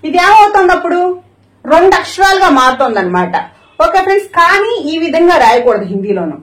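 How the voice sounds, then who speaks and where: High lively woman teaching with echo. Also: quick pace. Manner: keeps addressing viewers as friends, repetitive pointing cues. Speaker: Hindi teacher. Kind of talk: lesson in Telugu.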